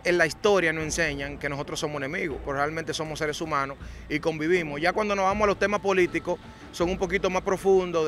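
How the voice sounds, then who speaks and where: A man's voice: on the high side, sharp tone, a little hiss or hum. A man interviewing women on the street for a documentary, asking direct questions with slangy asides. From Dominican Republic.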